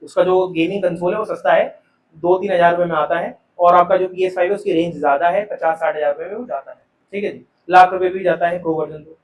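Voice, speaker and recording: Chatty teacher in an echoey classroom. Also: male voice, high voice, steady tone, fast, recorded from a distance, a little hiss or hum. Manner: chatty, asks students questions, calls them beta and ji. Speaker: commerce teacher. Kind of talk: live classroom lecture.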